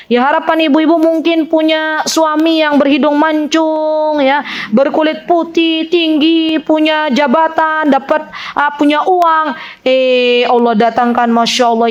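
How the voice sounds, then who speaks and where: A woman religious teacher giving a lively sermon to women, acting out quoted voices and chatting with the audience. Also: sits high.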